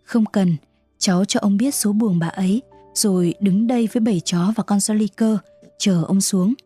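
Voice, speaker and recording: A woman's voice: medium pitch, moderate pace, mellow, husky, soft background music, lightly acted. Woman voicing a stern commanding old man. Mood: firm. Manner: curt and commanding. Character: stern old male street performer.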